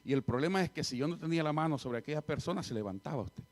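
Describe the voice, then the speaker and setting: A middle-aged man preaching a sermon as pastor, telling a story and swinging from loud passages to hushed ones. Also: fairly high pitch, animated, very fast.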